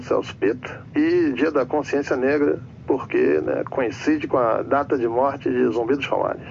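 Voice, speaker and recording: A man's voice: mid-range voice, darkish tone, highs cut off, a little hiss or hum. An actor playing a male airline captain who talks over the cabin intercom in a formal announcer tone, drifting into endless trivia. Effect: pilot speaking over the cabin intercom. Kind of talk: comedy sketch.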